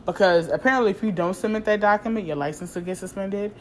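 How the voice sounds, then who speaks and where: A woman in her thirties telling a casual, profane story in a vlog, animated and slangy, acting out what people said to her. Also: medium pitch, quick pace, a little hiss or hum. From New York. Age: 30s. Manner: animated, profane, slangy, acts out quoted dialogue. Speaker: vlogger.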